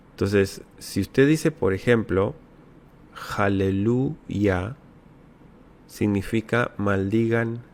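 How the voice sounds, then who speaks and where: A low-pitched man from Latin America explains scripture to viewers in a patient teaching manner. He repeats his key words and keeps checking in with quick rhetorical tags. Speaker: Bible teacher. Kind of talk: answering viewer questions.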